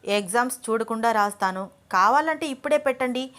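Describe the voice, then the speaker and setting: Woman putting on a pouty young wife, high and defiant. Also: expressive, brisk, a bit bright. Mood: sulky. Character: sulky, headstrong young wife and student.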